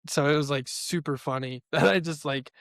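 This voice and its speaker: Chatty and opinionated, this young podcast co-host keeps peppering his casual talk with "like." He speaks at a normal speed in a slightly high, creaky, somewhat bright voice, and the studio sound is clean with no echo.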